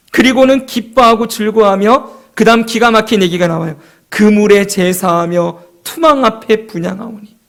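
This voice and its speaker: A man with a high voice preaching to his church congregation. He reads scripture passages aloud and explains them line by line. Between readings he asks his listeners questions and then answers them himself. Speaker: pastor. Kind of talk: sermon.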